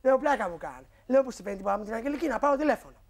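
A man's voice: extremely high pitch, expressive. A man guest on a television talk show, arguing combatively with his wife, swearing and interrupting. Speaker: guest in a couples dispute. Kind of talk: heated studio argument.

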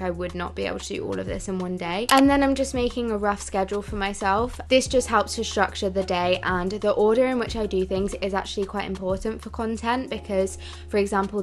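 A young woman in her twenties from England, narrating a casual day-in-the-life vlog in a chatty way full of "like" fillers. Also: mid-range voice. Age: 20s. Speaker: vlogger. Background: background music.

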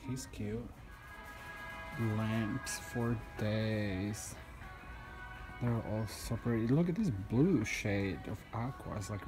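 A man in his thirties with a lowish voice films a casual shopping vlog on a phone held at arm's length, and the audio quality is poor. A home decor vlogger, he gushes chattily and enthusiastically over decor in big stores and out in a parking lot.

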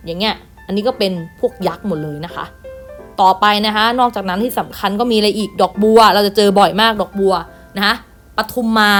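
Female primary teacher, patient list-reading lesson voice, mid pitch, faint music underneath. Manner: patient, reads each word aloud and repeats with gentle "na kha" tags. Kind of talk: online class lesson, reading word lists.

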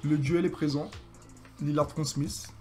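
A young man with a French accent commentating his own basketball video game, excitable and joking as he hypes his plays. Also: fairly high pitch, measured pace, faint music behind. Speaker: gaming streamer. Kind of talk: live gameplay commentary.

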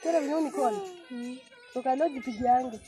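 A young woman with a Kenyan accent, teasing her sibling with quick comebacks in casual chat. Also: high-pitched, warm tone. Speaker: sibling guest. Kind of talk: casual chat mixing English and Swahili. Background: background music.

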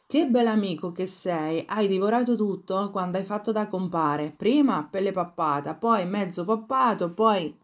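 A woman's voice: mid-range voice, moderate pace, few pauses, close to an everyday voice. A woman voicing a small, trusting male mouse in a fairy tale reading, with a raised, wondering voice. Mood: indignant. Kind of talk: storybook reading.

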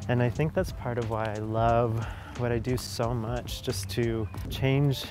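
A man's voice: mid-range voice, steady tone, unhurried. A man, a clinician, giving earnest, heartfelt interview answers with a few hesitations. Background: music.

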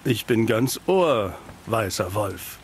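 Cynical noir detective. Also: male voice, lowish voice, lively intonation, slow pace, a little hiss or hum. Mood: cynical, dry. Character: world-weary cynical male private detective in a fantasy city. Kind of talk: scripted video game dialogue in German dub.

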